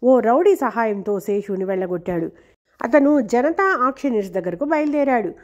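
A woman reading a novel aloud in a steady, expressive storytelling voice. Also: a little high, moderate pace. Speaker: audiobook reader. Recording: dull lo-fi recording.

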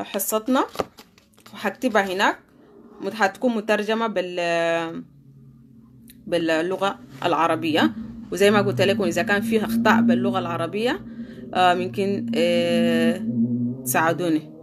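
A woman's voice: fairly low pitch, a little hiss or hum. Woman teaching French phrases live. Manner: slow, deliberate repetition of phrases for drilling; quick, conversational asides with fillers. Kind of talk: live online language lesson.

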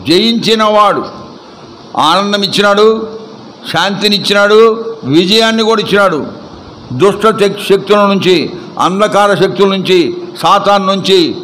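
A man's voice: high-pitched, fairly bright tone, rough recording. A male pastor preaching a sermon at a church service. He is emphatic and keeps quizzing the congregation with repeated questions.

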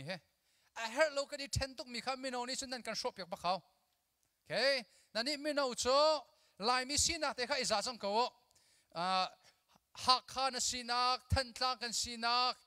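A man in his thirties preaches to young people on a large church stage. His voice sits very high and sounds bright and sharp. He talks close into a handheld mic, and a long hall reverb trails behind his words. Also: smooth. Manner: animated, mixes English with his own language, drills the crowd with call-and-response. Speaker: youth conference speaker. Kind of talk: energetic sermon to a youth audience.

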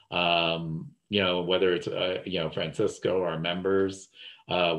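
A low-voiced man with a New Jersey accent hosts a webinar over a video call, and the recording sounds lo-fi. His casual talk is loose and rambling, full of repeated fillers.

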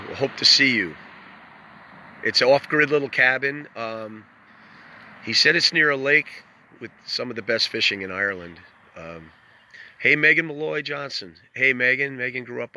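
A man hosts a casual outdoor livestream by a lake, greeting viewers by name and musing at length in a rambling, reflective way. His mid-range voice is bright and forceful. He films on a handheld phone, and there's a little hiss or hum.

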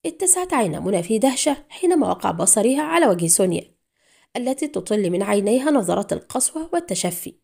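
A woman narrating a spy thriller audiobook in an expressive storytelling manner. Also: medium pitch, quick pace, vocal fry.

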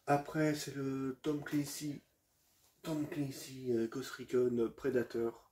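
A man's voice: medium pitch, little pitch movement, slow pace, warm tone, slight background noise. A man presenting his video game collection in a casual, hesitant way, with many fillers and restarts, addressing viewers as friends.

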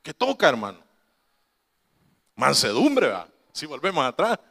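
High-voiced preacher man in a long-echoing hall. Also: huge pitch swings, a little slow, gravelly, sharp tone. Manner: storytelling, quoting his mother, laughing asides. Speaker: pastor. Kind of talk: sermon.

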